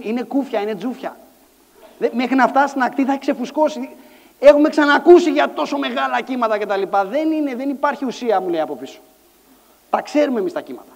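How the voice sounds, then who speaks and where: A middle-aged man giving an animated motivational stage talk, acting out dialogue and shouting some lines in a large conference hall. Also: very high-pitched. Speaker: conference speaker. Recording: echoey hall sound.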